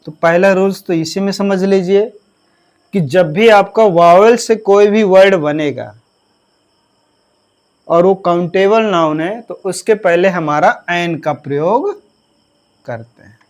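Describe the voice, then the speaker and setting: A man teaching a grammar lesson in a high, light voice. He talks at an unhurried, steady pace and spells out each word letter by letter. He keeps asking his students questions, then answers them himself. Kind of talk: classroom lesson explaining grammar rules.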